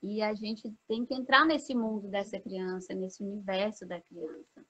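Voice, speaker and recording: A woman's voice: medium pitch, steady tone, moderate pace, sharp tone. A woman pedagogue chatting in an interview, explaining patiently and ending many phrases with a questioning tag. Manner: explanatory, many "né?" tags and restarts. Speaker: pedagogue guest. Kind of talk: casual interview chat. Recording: dull lo-fi sound.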